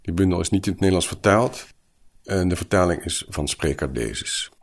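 A man introducing a story reading in a calm, explanatory scripted intro. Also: low-pitched, moderate pace, gravelly. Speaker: program presenter.

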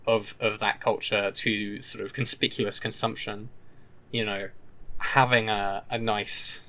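A man with a modern southern English Received Pronunciation accent, talking through politics casually in an opinionated, halting way, repeating himself and often checking with "right?". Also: fairly low pitch, level tone, pushed and bright. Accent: modern British Received Pronunciation, southern English. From southern England. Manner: opinionated, halting and repetitive, with frequent tag questions.

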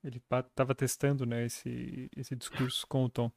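A man's voice: medium pitch, level tone, moderate pace, gravelly, darkish tone, no room sound. Man retelling a book scene, dry sound. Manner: retells scenes, reading quotes aloud. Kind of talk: casual book discussion.

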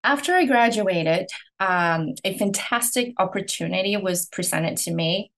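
A woman in her forties from Hong Kong, a podcast guest telling her career story with earnest, steady answers and frequent pauses. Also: medium pitch. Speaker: podcast guest, clinic owner. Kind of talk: conversational interview answers.

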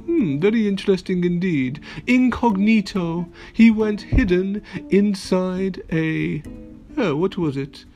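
A kids show host reading an alphabet storybook aloud to children, expressive and playful, with asides to young listeners. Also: medium pitch, takes it slowly, soft background music.

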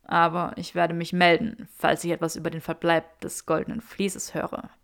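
A woman reader doing a clever young witch trapped in a young man's body. She speaks eagerly and a little breathlessly, in a voice pitched a bit below the reader's own. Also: monotone, normal speed, gravelly, fairly bright tone. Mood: gracious.

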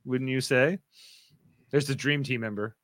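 A man's voice: medium pitch, fairly even intonation, measured pace, fairly bright tone, no room sound, studio quality. A man hosting a casual podcast recap, talking animatedly and acting out quotes in exaggerated voices. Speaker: podcast host.

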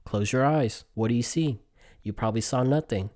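A man's voice: medium pitch, moderate pace, a little mellow. A man in his twenties from Vietnam, a Vietnamese native speaker, hosting his own casual solo podcast and telling a long story with frequent restarts and self-corrections. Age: 20s. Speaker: podcast host.

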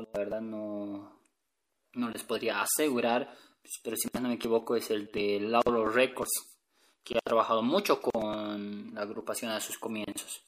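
A man's voice: on the low side, recorded from a distance, poor audio. A man hosting a casual music talk for viewers, chatty and hesitant, often checking in with his listeners. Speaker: music channel host.

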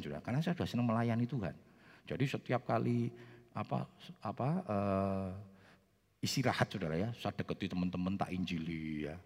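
A man with a Javanese accent preaching a sermon, telling a personal story with animated asides to the congregation. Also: low-pitched. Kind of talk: sermon testimony. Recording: long reverb of a large hall.

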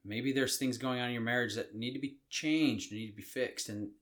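A middle-aged man co-hosting a relaxed podcast chat about marriage. His voice sits at an ordinary pitch for a man. He thinks aloud, pausing and restarting sentences as he works through an idea. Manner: thoughtful, halting with frequent restarts. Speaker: podcast co-host.

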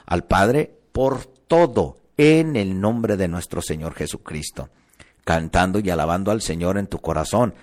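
A man preaching a sermon in a conversational, emphatic way, often firing rhetorical questions at his listeners. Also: medium pitch.

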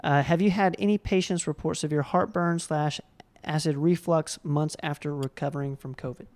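A host reading out viewer questions in a live Q&A, relaxed and friendly with frequent fillers. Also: mid-range voice, moderate pace.

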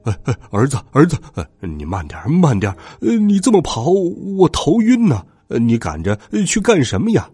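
A man's voice: a little high, huge pitch swings, moderate pace, few pauses, dark tone, slightly rough, dry recording, exaggerated voice. A man voicing a tiny, dizzy father riding in his son's pocket, fretful and stammering, in a storybook reading.

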